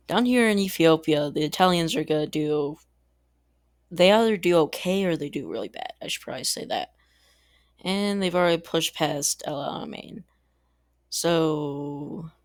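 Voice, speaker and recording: A man's voice: on the high side, creaky, no room sound, clean studio sound. A man giving casual, rambling commentary over a strategy game, chatty and full of asides, little laughs and mild exasperated swearing. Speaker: gaming channel host.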